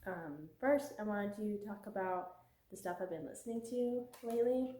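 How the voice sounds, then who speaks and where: In a warm, mid-range voice at a moderate pace, a young woman who vlogs about books chats casually, full of fillers, about what she read this month. She's recovering from a cold, so her voice sounds worn and keeps giving out, and the room echoes.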